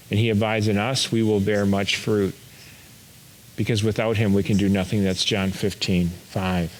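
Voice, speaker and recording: A man preaching an online sermon as pastor, explaining word meanings in slow, deliberate teaching with pauses. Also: lowish voice, slight background noise. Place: home or church, recorded for online service.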